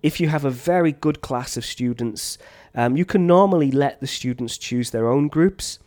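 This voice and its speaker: Speaking in a mid-range voice, a man who teaches science guides fellow teachers through classroom activities at an easygoing, off-the-cuff pace. His talk is dotted with ums and restarted phrases, plus a faint cough left over from a chest infection.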